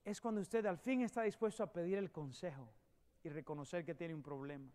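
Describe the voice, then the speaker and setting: A man preaching a sermon as a pastor, swinging from loud emphatic peaks to hushed storytelling. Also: on the high side, a little fast. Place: church sanctuary.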